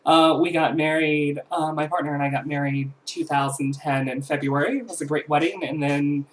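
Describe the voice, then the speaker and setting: A woman's voice: low voice, steady tone, moderate pace, a little hiss or hum, low-quality recording. A woman in her twenties chatting casually to camera as a vlogger, rambling with fillers and self-corrections. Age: 20s.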